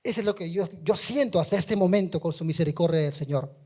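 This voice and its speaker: High-voiced man preaching. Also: quick pace. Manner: swings from quiet storytelling to loud emphatic calls. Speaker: preacher giving testimony. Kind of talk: sermon testimony.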